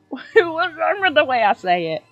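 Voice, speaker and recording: A woman's voice: high-pitched, big pitch swings, measured pace, fairly bright tone. A British woman chatting casually on a drawing stream, playful and giggly, repeating words over and over. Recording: dull lo-fi stream audio with faint music.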